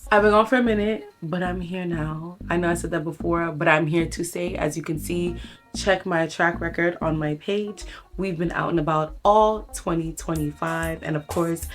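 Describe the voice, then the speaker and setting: A woman with a low voice hosts an entertainment news segment over a music bed. She reads scripted updates in an upbeat presenter's delivery and talks straight to the viewers. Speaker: host. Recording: music playing under the voice.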